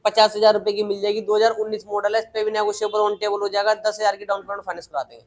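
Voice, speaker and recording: A young man giving a hard-sell pitch as a used scooter dealer, listing prices and deals. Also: level tone, racing, a little hiss or hum. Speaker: used two-wheeler dealer. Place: tiled scooter showroom, indoors.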